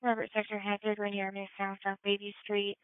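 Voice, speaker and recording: A woman's voice: medium pitch, monotone, quick pace, clear, resonant tone, dry recording, soft background music. A woman working as a police dispatcher, giving terse calls over a two-way radio. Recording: narrowband police scanner radio.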